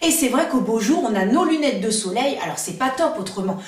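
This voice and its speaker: A woman's voice: a little high, lively intonation, brisk. A woman chatting casually to camera as a beauty vlogger, enthusiastic and full of asides and fillers. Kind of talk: casual product review to camera. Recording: echoey room, voice a bit far from mic.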